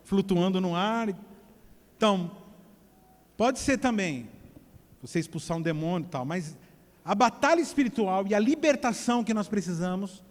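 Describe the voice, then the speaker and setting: A man's voice: high-pitched, expressive, moderate pace, long pauses. A man preaching a sermon in church, talking in a loose, joking way and often restarting his words. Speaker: pastor. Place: church hall. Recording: long echo of a church hall.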